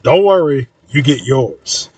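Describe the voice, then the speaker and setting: A man voicing a bold, tough young woman, pitching his voice up into urgent shouts. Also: lively intonation, takes it slowly, husky, dry recording. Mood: sly. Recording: voice a bit far from mic.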